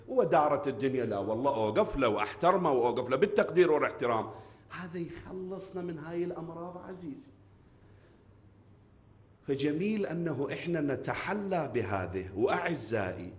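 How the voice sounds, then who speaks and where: Iraqi preacher, loud then hushed. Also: male voice. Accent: Iraqi Arabic. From Iraq. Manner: swings between loud emphatic rises and soft low murmurs; addresses the audience warmly as dear ones. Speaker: Shia preacher. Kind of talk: Muharram sermon. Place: mourning gathering hall.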